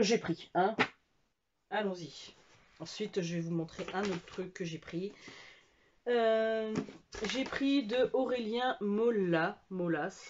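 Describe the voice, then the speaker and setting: A woman's voice: mid-range voice, a little mellow, highs cut off. A French woman chatting casually at home about books she bought, hesitant with many fillers and restarts. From France. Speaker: book vlogger. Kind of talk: casual book haul chat.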